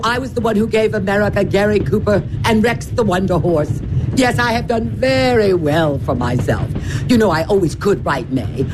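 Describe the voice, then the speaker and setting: An actress playing a gushing, self-important society gossip columnist in an affected, boastful early talkie comedy style. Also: female voice, mid-range voice, noisy background, close to an everyday voice.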